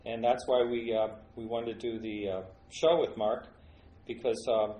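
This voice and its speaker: A man's voice: fairly low pitch, flat delivery, normal speed, warm tone. A man hosting an interview podcast, asking enthusiastic, rambling questions full of fillers. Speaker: podcast host. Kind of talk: casual interview. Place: large home studio. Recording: roomy studio with faint ambience.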